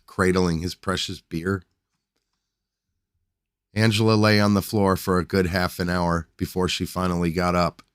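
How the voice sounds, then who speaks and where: A man reading a short story aloud as a podcast host, in a steady, measured way with a few small slips. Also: sits low, no room sound, clean studio sound. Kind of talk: scripted short story narration.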